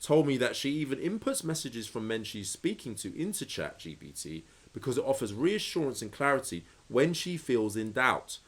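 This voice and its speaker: Blunt male co-host with a lively, swinging voice. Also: mid-range voice, slightly rough. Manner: blunt, swears freely. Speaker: podcast co-host. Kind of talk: casual chat, reading from an article.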